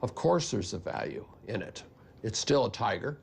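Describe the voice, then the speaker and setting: A man's voice: on the low side, lively intonation, moderate pace, gravelly, slight background noise. An older man, a scientist, explaining his views conversationally in a documentary interview. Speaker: geneticist interviewee.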